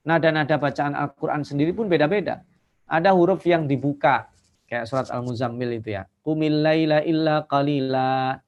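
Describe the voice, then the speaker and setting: A man giving an online religious lecture. He explains at length and slowly chants short verses to show different ways of reciting. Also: medium pitch, highs cut off. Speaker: Islamic teacher. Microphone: video call.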